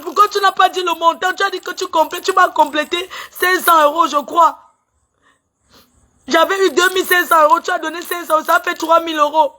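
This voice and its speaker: A woman's voice: very high-pitched, pushed and bright. A woman, on a phone live stream, airing an agitated, repetitive and indignant complaint while close to tears. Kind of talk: emotional social media live rant.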